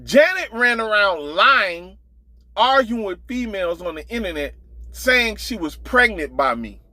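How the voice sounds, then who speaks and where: This man, an online commentator, spins a casual gossip story in a blunt, profane, exasperated way, repeating himself emphatically to drive points home. His voice sits high and sounds bright and forceful, very animated yet at a measured pace, on a dry recording.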